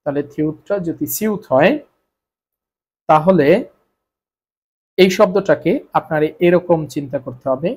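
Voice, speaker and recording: A man's voice: on the high side, unhurried, pauses often, slightly rough. A Bengali-speaking man teaching Korean spelling rules, repeating each point and answering his own questions. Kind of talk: explaining grammar rules to students.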